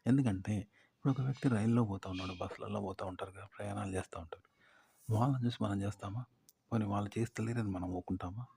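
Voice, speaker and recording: Guy, lowish voice, rattles off rhetorical questions fast, plain homespun examples. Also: gravelly, dark tone, breathy edge, no echo. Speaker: YouTube advice teacher. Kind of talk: informal tutorial talk.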